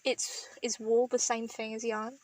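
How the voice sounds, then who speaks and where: A woman's voice: on the high side, flat delivery, unhurried, darkish tone, slight background noise, low-quality recording. A woman co-hosting a podcast, telling stories with teasing, crude jokes in casual chat. She is from Canada. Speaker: podcast co-host.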